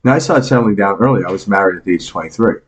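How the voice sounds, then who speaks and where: Speaking rapid-fire in a fairly low pitch, a man in his fifties with a New York accent guests on a podcast. The meditation teacher keeps it casual, joking and explaining concepts through down-to-earth examples.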